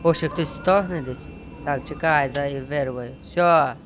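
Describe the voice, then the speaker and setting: Young guy, joking around while playing, voice a bit high, faint noise behind. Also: moderate pace. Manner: joking, talks to the game and viewers. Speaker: let's play streamer. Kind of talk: playful gameplay commentary.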